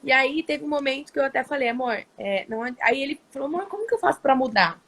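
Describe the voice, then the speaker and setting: Brazilian woman guest, gravelly, slightly high, storyteller. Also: lively intonation, fast, a bit bright. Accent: Brazilian Portuguese. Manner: storytelling, quotes conversations. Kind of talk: casual panel conversation.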